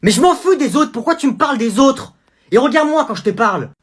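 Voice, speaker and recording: A man voicing a furious, strict mother who shouts and scolds her son without pause. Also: high voice, very animated, pitched above the performer's own voice. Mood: yelling. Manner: shouting, bossy, relentless.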